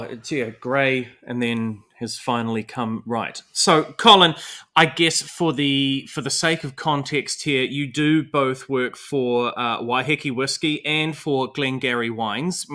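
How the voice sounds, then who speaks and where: Bright-voiced male co-host. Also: medium pitch. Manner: measured, careful framing of questions. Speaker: podcast co-host. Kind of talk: casual podcast chat.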